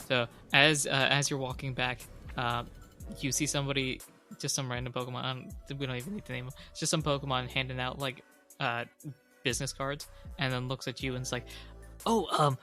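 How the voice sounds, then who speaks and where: Bright-voiced man as game master. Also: mid-range voice, fairly quick, faint music behind. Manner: relaxed, loose, with frequent fillers. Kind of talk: casual actual-play narration.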